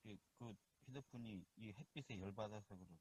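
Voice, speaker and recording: A man's voice: fairly low pitch, fairly quick, darkish tone, slightly rough, dry recording. A man calling in over a bad phone connection, his voice very faint and distant, hesitantly checking whether anyone can hear him. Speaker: caller in a group phone call. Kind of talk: casual conversation. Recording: faint muffled phone line.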